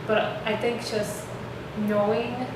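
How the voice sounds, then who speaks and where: A woman's voice: on the high side, level tone, slow. A young woman hosting a casual chat, rambling and filling her sentences with "like" and "um". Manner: rambling, many fillers like "like". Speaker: host. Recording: echoey room, distant mic, noisy.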